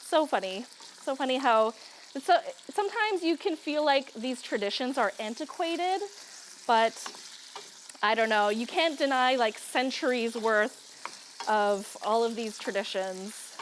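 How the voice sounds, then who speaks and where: This is a low-quality recording with slight background noise of a young woman from Serbia whose voice is a little high, expressive, and unhurried. She hosts a cooking show from a studio kitchen set, chatting casually, laughing often, and drifting into family anecdotes as she cooks.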